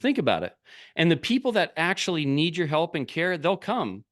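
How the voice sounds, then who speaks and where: In a somewhat high, sing-song voice with a bit of brightness, the middle-aged man delivers a motivational talk to a group on a live video call. His pace is normal, and his phrasing is blunt: short, punchy sentences he repeats.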